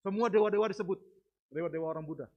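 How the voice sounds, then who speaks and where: A man preaching a sermon testimony in church, dramatic and swinging between hushed and loud. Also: sits high, rapid-fire, lo-fi sound, slight background noise.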